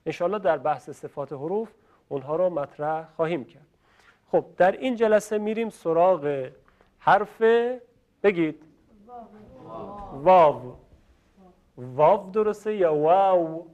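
A man's voice: fairly high pitch, darkish tone. A man from Iran teaching Quran recitation in a lesson, patiently demonstrating how sounds are made and asking viewers to repeat after him. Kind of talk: classroom-style lesson. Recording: dull lo-fi recording.

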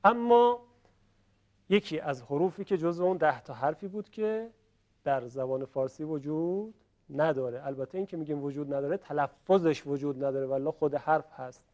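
A man teaching a class on pronunciation, explaining patiently, checking often that students follow and voicing sounds slowly to show them. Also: on the high side, darkish tone. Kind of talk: classroom lesson on Quranic pronunciation.

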